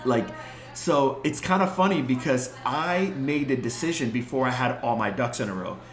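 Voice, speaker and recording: A middle-aged man and clinic co-owner telling stories in casual conversation, animated and repeating words for emphasis. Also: mid-range voice, moderate pace. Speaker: clinic co-owner, podcast guest. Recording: echoey room.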